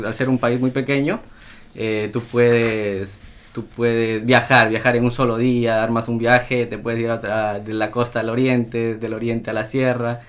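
A man, a guest chatting casually in a halting way full of fillers. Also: mid-range voice. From Ecuador. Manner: halting, many fillers and restarts. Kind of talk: casual chat.

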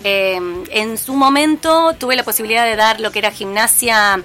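A woman in her thirties with a Rioplatense Argentine Spanish accent, a physical education teacher, chats casually and keeps restarting and dropping in fillers. Her voice sits a little high and has a sharp tone, moving at normal speed. Faint music plays behind her.

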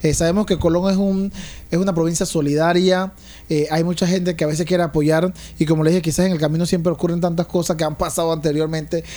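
A man interviewing a family, asking brisk, leading questions. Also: fairly high pitch, level tone, dark tone.

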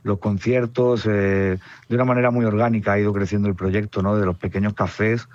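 Speaking fairly quickly with no echo, a Murcian musician describes his tour to an interviewer over the phone. His voice is lowish and his southern Spanish accent is clear, and his relaxed, reflective talk is sprinkled with "pues" and "nada."

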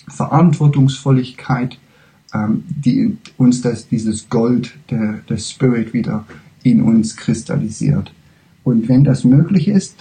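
A man gives a reflective spiritual lecture in a language he says he isn't fully fluent in, halting, searching for words and often restarting. His voice is medium in pitch and dark in tone, and the recording is low quality.

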